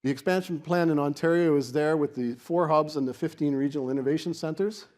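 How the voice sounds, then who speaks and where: A man giving a semi-extemporaneous podium speech as a keynote speaker, explaining in a halting way with repeated restarts. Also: fairly high pitch, a little mellow. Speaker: keynote speaker for a technology organisation.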